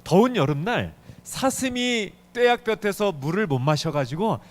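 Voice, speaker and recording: Preaching in a church sanctuary at a moderate pace, this middle-aged pastor uses lively intonation, his pitch rising and falling to stress points. His delivery is urgent and emphatic, hitting key words forcefully.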